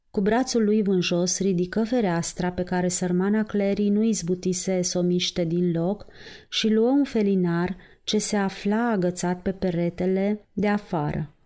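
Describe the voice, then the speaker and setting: A woman narrating a novel as an audiobook in a measured storytelling manner. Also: medium pitch, warm tone.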